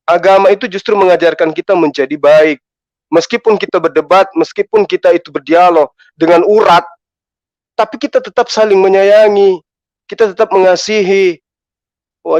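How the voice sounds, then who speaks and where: A man's voice: high voice, darkish tone, no room sound, lo-fi sound. A man from Toraja, a preacher, giving mocking, emphatic commentary on a live stream. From Toraja, Indonesia. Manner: mocking, emphatic, repeats the name in taunts.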